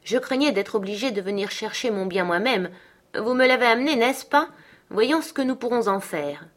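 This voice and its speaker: Woman doing a sarcastic harsh father, loud, mocking, raised pitch, storybook reading. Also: lively intonation, normal speed, lightly acted. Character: harsh sarcastic middle-aged man, scornful father.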